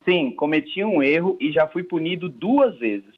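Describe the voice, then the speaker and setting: A man from Jamaica heard on speakerphone over a phone line, talking in an earnest, measured way in an interview. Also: fairly high pitch, lively intonation.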